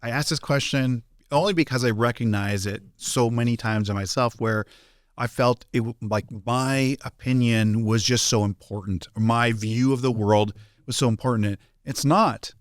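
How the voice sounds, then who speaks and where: A man's voice: medium pitch, moderate pace, no room sound, studio quality. A man co-hosting a business podcast, reflective and emphatic, often restarting his sentences. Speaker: podcast co-host and business coach. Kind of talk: casual podcast conversation.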